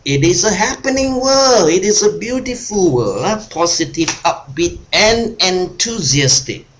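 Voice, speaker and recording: A man's voice: high voice, animated, unhurried, fairly bright tone. A man coaching a group over a video call, repeating his points and tagging them with "huh?". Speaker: speaker and coach. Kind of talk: online workshop talk.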